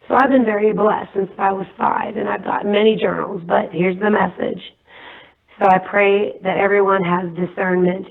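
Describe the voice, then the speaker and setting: Female caller, hoarse, earnest prophetic delivery, flat tone, tinny phone line. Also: medium pitch. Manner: earnest, measured reading. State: hoarse, losing her voice. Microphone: phone call.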